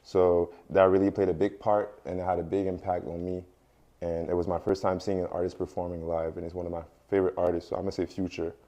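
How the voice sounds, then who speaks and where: A young French-speaking music artist gives casual, laid-back interview answers in a low, dark voice with level tone and a fast pace. He uses lots of fillers and laughs often, and the audio sounds dull.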